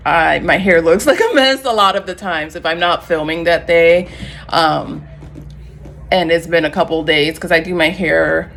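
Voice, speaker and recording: A young woman vlogging casually to her phone camera at home, rambling with lots of fillers and rushing when nervous. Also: fairly low pitch, fairly bright tone, slight background noise. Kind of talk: casual vlog talk to camera. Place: home, on a couch.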